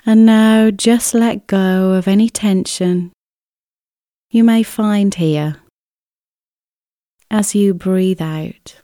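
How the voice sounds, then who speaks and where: A woman reading a scripted guided relaxation as a therapist, in a soothing, gentle way with long, unhurried pauses. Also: mid-range voice, steady tone, no echo, studio quality. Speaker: relaxation therapist guiding an exercise. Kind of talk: scripted guided relaxation, body scan meditation.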